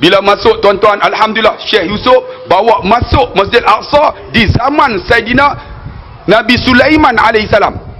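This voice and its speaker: A man's voice: sits high, moderate pace, sharp tone, a little hiss or hum. A man in his forties with a northern Malaysian Malay accent, giving a religious lecture as a storytelling preacher who keeps addressing the audience and slips in jokey asides. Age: 40s.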